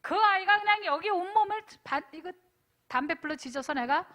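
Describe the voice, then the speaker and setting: With an extremely high-pitched voice at normal speed, a woman pastor preaches to a youth retreat. She's lively, calling for amens, telling stories and performing the dialogue of the people in them.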